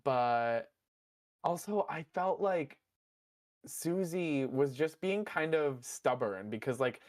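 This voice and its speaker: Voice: medium pitch, lively intonation, slow, a little mellow. A co-host on a casual recap podcast who rambles with lots of "like" and laughs often.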